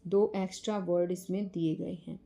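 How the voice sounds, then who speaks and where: A woman teacher with an Indian English accent explaining a poem lesson to children, reading English lines slowly and then explaining them. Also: on the low side, steady tone, gravelly, mellow.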